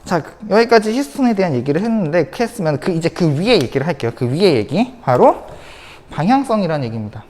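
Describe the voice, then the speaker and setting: A woman's voice: on the low side, big pitch swings, fast talker, mellow, long reverb tail. A woman teacher giving an online science lecture, repeating key points and asking the class rhetorical questions. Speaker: high school science teacher.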